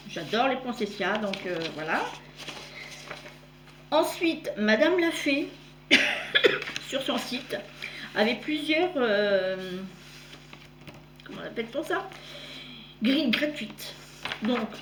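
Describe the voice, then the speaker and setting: A woman's voice: on the high side, a little hiss or hum. Chatty French-speaking woman, echoey room. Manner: chatty, halting, many fillers and self-corrections. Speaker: crafting vlogger showing her gifts. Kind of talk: casual show-and-tell.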